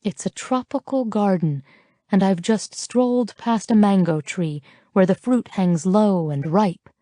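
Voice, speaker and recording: A woman's voice: medium pitch, measured pace, mellow, dry recording, clean studio sound. A woman reading a first-person romance novel aloud in a wry, conversational way. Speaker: audiobook narrator. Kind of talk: first-person audiobook narration.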